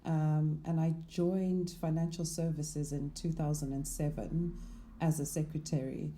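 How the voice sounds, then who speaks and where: Low-voiced woman from Zimbabwe. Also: level tone, measured pace, dark tone, a little hiss or hum. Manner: thoughtful, laughs lightly, many "um" and "you know". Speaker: guest, investment manager. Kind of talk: casual interview chat.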